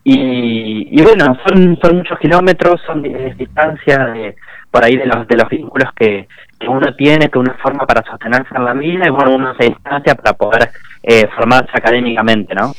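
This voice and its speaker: Un joven argentino de Entre Ríos, estudiante universitario, que habla en serio en una entrevista de radio, dudando a menudo y cerrando frases con "¿no?". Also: male voice, medium pitch, normal speed, rough recording. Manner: earnest, many hesitations and repeated tag questions. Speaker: university student and union representative. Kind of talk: radio interview guest.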